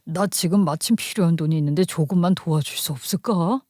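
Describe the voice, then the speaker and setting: A woman voicing a man, an ex-husband asking for money in a soft wheedling tone. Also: on the low side, brisk, no echo, clean studio sound, pitched below the performer's own voice, lightly acted.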